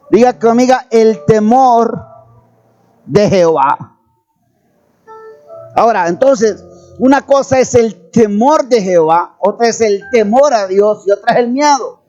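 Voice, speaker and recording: A man's voice: sits high, darkish tone, dull audio. A pastor preaching a sermon who repeats his key phrases and has the congregation say them back. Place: church.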